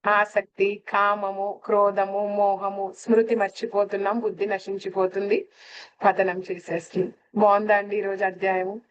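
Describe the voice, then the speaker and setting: A woman's voice: mid-range voice, level tone, moderate pace, muffled recording. A woman giving a spiritual lecture on scripture, often asking her listeners rhetorical questions and addressing them fondly. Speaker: devotional speaker.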